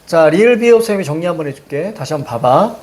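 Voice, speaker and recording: Animated Korean male grammar teacher. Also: fairly high pitch, racing, slight background noise. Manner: lively, rhetorical questions to students, frequent "자". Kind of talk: classroom grammar lecture.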